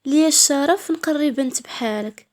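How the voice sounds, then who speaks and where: A woman voicing a smug, flattering thirty-year-old male teacher with a Moroccan accent. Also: high voice, brisk, close to an everyday voice. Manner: flattering, polite.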